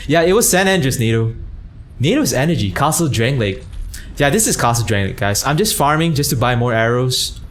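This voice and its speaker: A young man from Malaysia rambles through a casual livestream chat, his pitch jumping around animatedly as he thanks viewers. A faint hum of room noise sits behind him. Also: animated, a little fast, fairly bright tone. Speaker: streamer.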